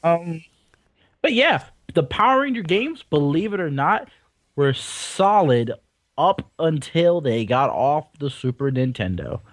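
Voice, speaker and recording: A man's voice: fairly high pitch, sing-song, measured pace, no echo. A man co-hosting a casual gaming podcast, rambling and swearing casually with self-deprecating jokes. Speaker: podcast co-host. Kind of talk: casual chat.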